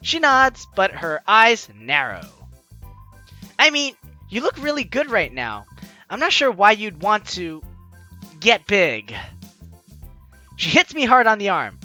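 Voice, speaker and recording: Playing a story game for his series, this young adult let's player sounds bright and forceful, with pitch that swoops wildly. He jokes around and dramatically voices the dialogue at a slow pace, leaving long pauses, while music runs underneath.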